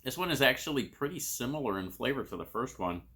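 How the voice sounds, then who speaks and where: Bright-voiced man reviewing snacks on camera. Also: medium pitch, lively intonation, fast talker. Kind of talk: casual food review to camera.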